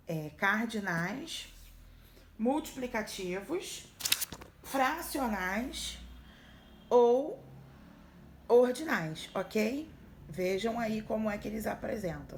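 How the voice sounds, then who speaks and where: A woman's voice: medium pitch, slight background noise. A woman schoolteacher with a Brazilian accent patiently walks young pupils through workbook exercises, checking in often. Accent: Brazilian Portuguese. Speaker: primary school teacher. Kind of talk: recorded remote lesson walkthrough.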